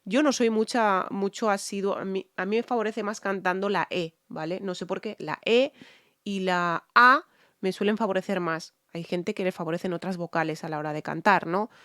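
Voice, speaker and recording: A woman from talks through a music video as a singer, enthusiastic and quick to repeat herself for emphasis. Her voice sits at a middle pitch. The sound is close and dry, with no room around it. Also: fairly bright tone, no echo. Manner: hums and sings short phrases along with the song. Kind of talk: casual reaction commentary on a singer's technique.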